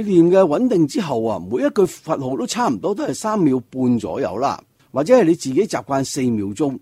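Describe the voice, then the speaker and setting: A man, a Buddhist monk, giving a slow and deliberate dharma talk that explains how to recite. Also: medium pitch, warm tone, slightly rough, no room sound.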